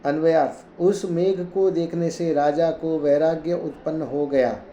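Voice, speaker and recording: A man reads scripture aloud, chanting the verses slowly before explaining them in plain, conversational Hindi. His voice sits fairly high yet sounds mellow and relaxed. The room is echoey, with a faint hum behind him. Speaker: Jain scripture reader and teacher.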